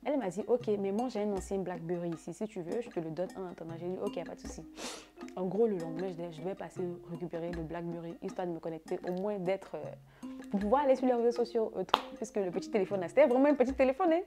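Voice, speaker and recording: With music in the background, a young female vlogger talks fast in a mid-range voice. She retells a story in an animated, casual way, repeating herself and plugging gaps with "là" and "genre."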